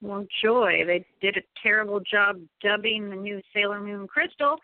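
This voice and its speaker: In thin, phone-like audio with no room sound, a woman from the United States talks casually at a moderate pace in a mid-range voice. She offers emphatic opinions, stressing points by repeating phrases.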